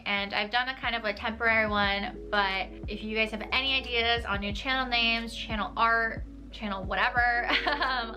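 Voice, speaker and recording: A young New York woman vlogs to camera from her small bedroom, complete with desk and tapestry, in a fairly high, sharp-toned voice. She's chatty and casual, saying "like" a lot and laughing lightly.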